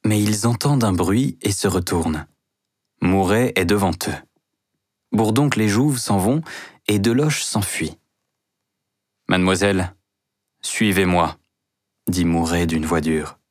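A man reading a simplified novel aloud in slow, deliberate narration. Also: on the low side, lively intonation, a little mellow, husky, no echo, clean studio sound.

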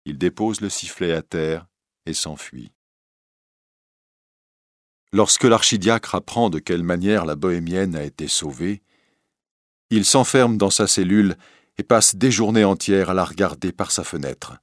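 A man narrating a storybook reading in a calm, measured way. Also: low voice, no echo, studio quality.

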